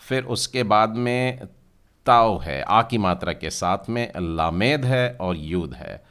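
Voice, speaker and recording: In this language lesson, a Hebrew teacher with a lowish, smooth, slightly bright voice speaks slowly and expressively. He patiently spells out letters and sounds one at a time, speaking directly to his learners and asking them to read along.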